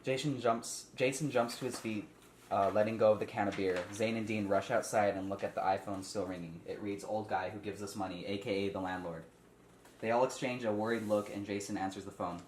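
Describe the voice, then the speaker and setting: A man with a lowish, darkish voice leads a casual table read, reading stage directions and explaining things informally at a brisk clip. His intonation is fairly even, and the room is echoey with faint noise.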